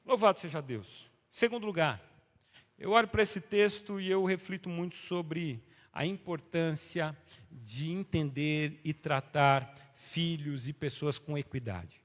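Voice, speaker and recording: A man preaching a sermon as pastor, animated and folksy, swinging between soft asides and loud exhortation. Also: on the high side, measured pace. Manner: folksy storytelling, voicing everyday people. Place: church sanctuary. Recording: long church reverb.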